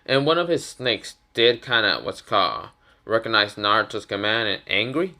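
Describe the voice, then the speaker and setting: A man's voice: lowish voice, very animated, normal speed, sharp tone. A man casually improvising a fan fiction story, rambling with fillers and restarts.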